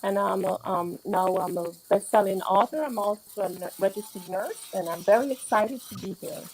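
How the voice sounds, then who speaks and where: A woman's voice: mid-range voice, normal speed, slight background noise, poor audio. A woman from Jamaica, an author and nurse, speaking plainly and earnestly. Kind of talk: interview.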